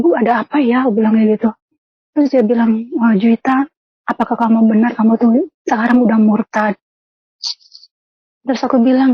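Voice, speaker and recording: A woman's voice: on the high side, husky, no echo. A young woman telling her personal testimony in casual, earnest speech, often quoting herself and others in dialogue. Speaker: testimony guest. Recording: dull lo-fi sound, dry.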